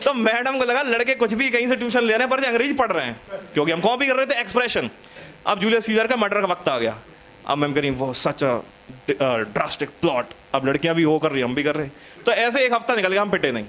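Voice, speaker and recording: Young guy from india doing standup, high voice, chatty, pokes at the crowd. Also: expressive, fast, a bit bright. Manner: chatty, teasing the audience, acts out classroom scenes. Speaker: stand-up comedian. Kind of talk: stand-up comedy set.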